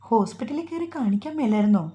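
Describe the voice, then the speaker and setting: Fussy, doting mother-in-law in a storybook reading, put on by a woman narrator; mellow, warmly pitched up. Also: lively intonation, fast talker, slightly rough, lo-fi sound. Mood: eager. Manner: emotional, doting, high and urgent. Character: loving, fussy middle-aged mother-in-law.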